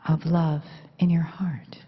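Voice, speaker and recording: A woman leading a guided meditation in a soft, breathy, soothing half-whisper. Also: sits low, level tone, slow, slight background noise. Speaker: meditation leader. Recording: dull recording in reverberant hall.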